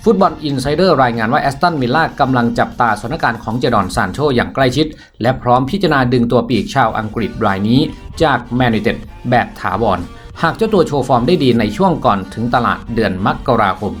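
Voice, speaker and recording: Male news narrator, scripted, steady delivery, soft music behind. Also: medium pitch. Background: faint background music.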